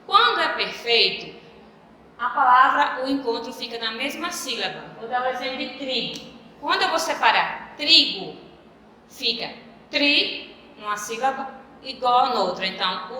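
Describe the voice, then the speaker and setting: Bright-voiced woman teaching in an echoey room. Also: a little high, slight background noise. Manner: patient, explains slowly and repeats key words. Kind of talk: video lesson for young pupils. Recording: echoey room with long reverb.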